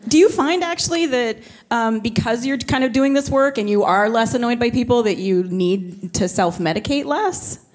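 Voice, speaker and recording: A woman's voice: fairly high pitch, animated, normal speed, darkish tone. A woman author as a guest on a live stage, playful and teasing, laughing easily. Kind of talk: casual onstage conversation. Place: live venue with an audience.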